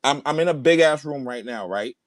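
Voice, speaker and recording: A man argues emphatically in a heated online debate, swearing as he hammers his points again and again. His medium-pitched voice is animated and brisk, recorded dry in a large room at home.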